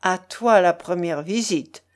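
An excitable, hot-headed young man, voiced by a woman reader, gushing and bossy, rushing his plans along. Even his outbursts come at a slow, deliberate reading pace. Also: lowish voice. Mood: effusive urgent. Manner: quick-tempered, then warmly effusive.

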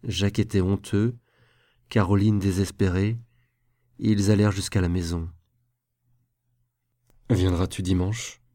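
A man narrating a classic novel as an audiobook, with a measured, even reading. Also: lowish voice, no room sound, clean studio sound. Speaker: reader.

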